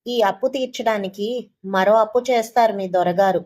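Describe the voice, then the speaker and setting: A woman storyteller voicing a sly, sarcastic older male moneylender who drawls and flatters. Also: medium pitch, normal speed, natural voice. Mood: mocking.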